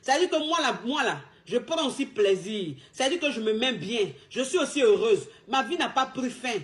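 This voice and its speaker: A woman's voice: fairly high pitch, animated, moderate pace. A woman giving relationship advice as a coach, in a casual monologue with emphatic, repetitive street slang.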